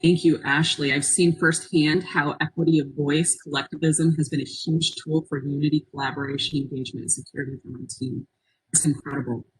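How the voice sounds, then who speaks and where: A woman's voice: sits low, steady tone, fairly quick, husky, poor audio. A woman presenting an interactive webinar in an encouraging, reflective manner, inviting people to take part. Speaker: workshop presenter. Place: online conference call.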